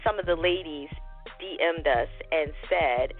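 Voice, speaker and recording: A woman's voice: sits low, unhurried. A woman co-hosting a talk show, teasing the guest and laughing often. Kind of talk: casual radio chat. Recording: tinny lo-fi line with faint music.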